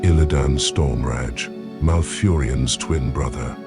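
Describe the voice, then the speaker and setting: Guy doing a ghostly unearthly dude, super deep, teasing fantasy companion, music behind. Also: takes it slowly. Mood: wry, fond. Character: wry male ghost companion, fond and teasing. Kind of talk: scripted fantasy role-play.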